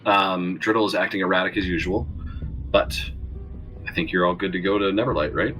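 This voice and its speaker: A man narrating as game master of a tabletop game, in a relaxed, laid-back way. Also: deep voice, a little fast, faint music behind, poor audio.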